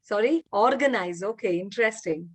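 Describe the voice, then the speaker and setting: On a video call, a woman who founded the workshop leads an online teaching session. Her mid-range voice is animated and at a normal speed. Warm and encouraging, she quizzes the group with questions.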